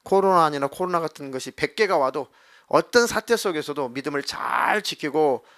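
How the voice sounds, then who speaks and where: A man's voice: fairly high pitch, animated, moderate pace, a bit bright, dry recording, clean studio sound. A male senior pastor preaching a sermon, emphatic and dramatic, acting out dialogue as he goes. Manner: emphatic, acts out quoted dialogue.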